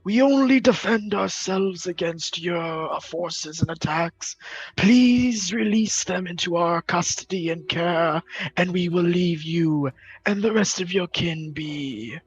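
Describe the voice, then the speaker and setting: A man's voice: sits high, slow pace, slightly rough, voice pushed up, full character voice. A man voicing a male adventurer who formally pleads with goblins in a tabletop game. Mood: diplomatic. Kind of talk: in-character role-play. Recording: dull, dry close-mic sound.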